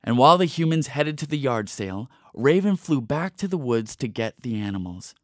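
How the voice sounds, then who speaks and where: A man narrating a storybook tale with a playful, expressive reading. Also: mid-range voice, normal speed, no echo, studio quality.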